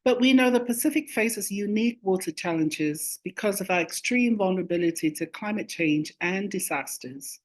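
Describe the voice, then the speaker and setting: A woman delivering a formal, measured welcome address as a chairperson. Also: medium pitch. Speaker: government chief executive and task force chair. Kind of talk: formal prepared welcome speech.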